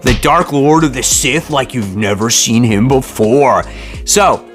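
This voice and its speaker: A man's voice: mid-range voice, a little slow, faint music behind. A man presenting a top ten countdown as a video host, talking informally and conversationally straight to his viewers. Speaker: comic book reviewer and channel host.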